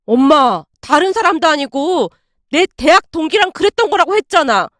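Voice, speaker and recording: A woman's voice: sits high, animated, moderate pace, no echo, studio quality. A woman voicing a hot-tempered young husband who bursts out in anger. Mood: angry. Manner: heated, shouting outbursts.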